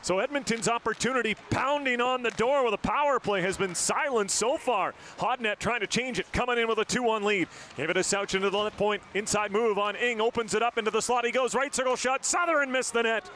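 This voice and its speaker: High bright-voiced man calling hockey play-by-play. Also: a little hiss or hum. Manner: rapid clipped calls of each pass and shot. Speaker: play-by-play announcer. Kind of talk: live hockey play-by-play commentary.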